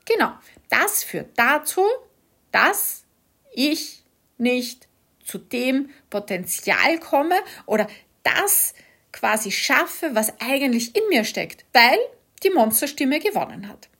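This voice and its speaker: Woman teacher, melodic and animated, unhurried, encouraging and full of questions. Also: high-pitched, creaky, breathy edge. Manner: warm, encouraging, asks many rhetorical questions. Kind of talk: gentle instructive talk to one listener.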